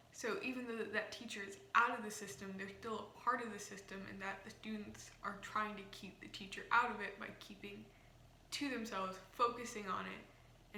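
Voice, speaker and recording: A young woman talks in a bright, forward voice with a slight retainer-like lisp, rambling casually as she explains things. The room is echoey, with a faint noise underneath. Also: mid-range voice. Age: young adult. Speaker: vlogger. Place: small indoor room. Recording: roomy echo, faint background noise.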